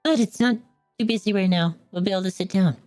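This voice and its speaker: A man voicing a playful, teasing young woman in a high falsetto while reading game dialogue aloud. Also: fast talker, a little mellow, dry recording, soft background music, natural voice.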